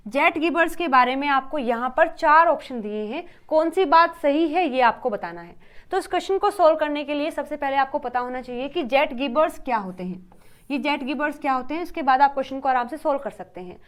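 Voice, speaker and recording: Brief: woman teacher, high voice, mixes English terms into her explanations, repeats points. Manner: repeats points, asks questions then answers them. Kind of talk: exam-prep lecture.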